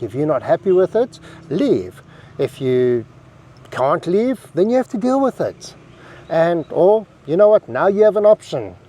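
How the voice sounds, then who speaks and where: A man's voice: medium pitch, warm tone, a little hiss or hum. A South African man in his fifties with a South African English accent, giving a blunt, rambling opinion piece to camera. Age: 50s. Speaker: vlogger.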